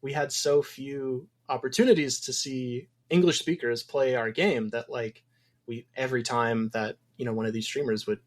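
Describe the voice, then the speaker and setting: He is a game developer from Wisconsin taking part in a casual podcast interview, his mid-range voice steady in tone and moderate in pace. Thoughtful yet rambling, he fills pauses with frequent ums.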